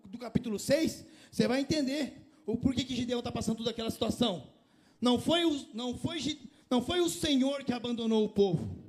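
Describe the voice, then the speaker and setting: A male pastor with an unusually high voice delivers a conversational sermon in a church. He peppers the congregation with rhetorical questions and swells into passionate, pleading appeals. Faint music lingers behind him.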